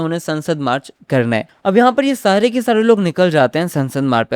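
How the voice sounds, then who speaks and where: A man's voice: high-pitched, a little mellow, dry recording, clean studio sound. A young man in his twenties talking straight to his viewers about a protest, heated and earnest. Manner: heated, addresses viewers directly, calls them bhai. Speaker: vlogger. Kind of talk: impassioned commentary on a protest.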